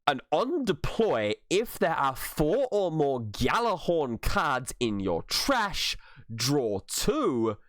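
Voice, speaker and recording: A man's voice: on the high side, very animated, slow pace, a bit bright, no room sound, clean studio sound. A man reviewing new trading card game cards, talking through each card's stats and uses in an analytical way. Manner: analytical, with some filler restarts.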